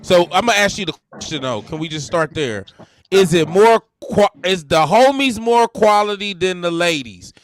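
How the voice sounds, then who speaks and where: Male host, lively, posing questions to callers, high animated voice. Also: moderate pace. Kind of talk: hosting a live call-in debate.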